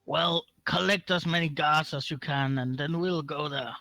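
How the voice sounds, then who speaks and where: A man voicing a bold, commanding party leader who speaks loudly and confidently in character. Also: fairly high pitch, moderate pace, dry recording. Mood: rallying. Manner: loud and rallying, confident.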